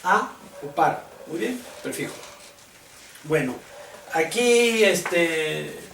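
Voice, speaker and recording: A man teaching a classroom lesson, slow and patient, often checking whether the class understands. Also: a little high, animated, vocal fry, a bit bright. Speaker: Hebrew teacher. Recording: echoey room, distant mic, faint hiss.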